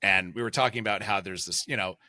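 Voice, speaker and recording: A man hosting a casual podcast, rambling and excitable, with lots of fillers. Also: fairly low pitch, quick pace. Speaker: podcast host.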